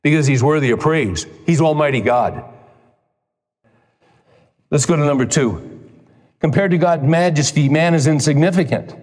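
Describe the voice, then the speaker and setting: A man's voice: normal speed, long pauses, a little mellow. Man preaching in a reverberant hall. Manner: emphatic preaching, voice climbing high for emphasis. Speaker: pastor. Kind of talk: sermon. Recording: long reverb of a large hall.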